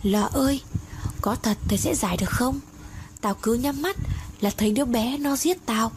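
A woman's voice: fairly high pitch, moderate pace, natural voice. Woman reading as a scared guilty young woman, pleading, hissy audio. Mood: fearful. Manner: fearful, pleading. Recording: noisy background hiss.

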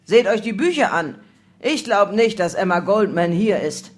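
A woman voicing a gruff, bullying male police captain who barks his commands loudly. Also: medium pitch, expressive, moderate pace, close to an everyday voice. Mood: gruff, scornful. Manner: barking, shouted commands.

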